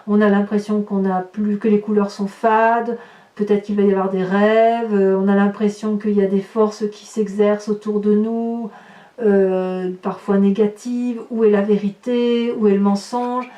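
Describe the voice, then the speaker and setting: A woman's voice: medium pitch, level tone, a little slow, dark tone. A woman giving a tarot reading, musing aloud with hesitations and rhetorical questions as she turns the cards. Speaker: tarot reader. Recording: roomy, distant mic.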